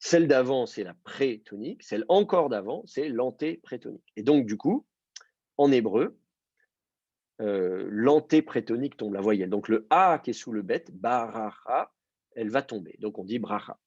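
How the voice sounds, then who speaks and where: Male teacher, patient and methodical, husky timbre, dull dry recording. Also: mid-range voice, expressive, moderate pace, darkish tone, no echo. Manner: patient, explains step by step with many fillers. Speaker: Hebrew teacher. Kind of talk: online class explanation.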